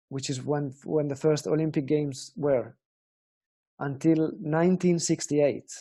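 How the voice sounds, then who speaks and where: An earnest young Italian guitar teacher, accented and explanatory, keeps asking viewers questions during his online lesson. His voice is fairly high yet dark in tone.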